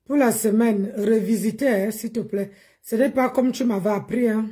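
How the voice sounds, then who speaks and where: A woman's voice: fairly high pitch, normal speed, warm tone. A woman co-hosting a live stream in a playful, chatty way, greeting viewers. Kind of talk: casual live-stream chat.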